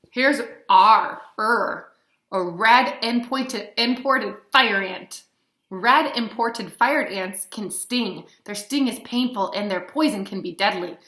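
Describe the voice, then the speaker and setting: A woman in her thirties, acting as a teacher, reads a picture book aloud to young children, animated and explaining things in simple terms. Her voice is medium-pitched, and the recording has a roomy echo.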